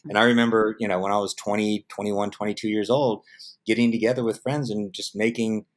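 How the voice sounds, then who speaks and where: With a lowish voice and a slightly fast pace, a middle-aged American man from San Diego, United States, who works in film production, gives relaxed, story-filled interview answers. He's an animated storyteller who performs the dialogue he quotes.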